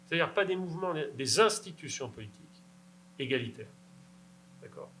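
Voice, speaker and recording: A man's voice: a little high, animated, brisk, pushed and bright, slight background noise, poor audio. A man answering questions after a lecture, emphatic and insistent, checking in with his audience. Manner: emphatic, insistent, rhetorical "d'accord?". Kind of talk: academic Q&A answer.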